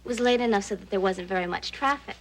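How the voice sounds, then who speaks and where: An actress playing a young stage actress who talks in a playful, storytelling way, in a 1980s daytime soap. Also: female voice, mid-range voice, fast talker, slight background noise, natural voice, poor audio.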